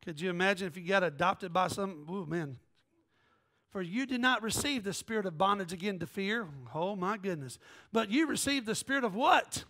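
High, bright-voiced preaching man. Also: moderate pace. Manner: fiery, shouting, whooping with the congregation. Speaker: pastor. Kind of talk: sermon. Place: church sanctuary.

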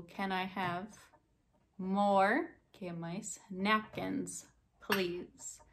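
An American woman with English as her first language, teaching English phrases in Portuguese with slow, careful, modeled delivery. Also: lowish voice. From United States.

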